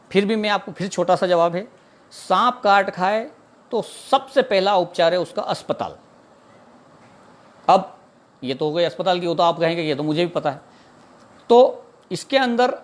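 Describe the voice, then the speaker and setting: A man's voice: high-pitched, expressive, unhurried, long pauses. A man from India, a snake catcher, earnestly explaining in an informal talk, repeating himself and mixing in English words. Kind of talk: informal talk answering a viewer's question.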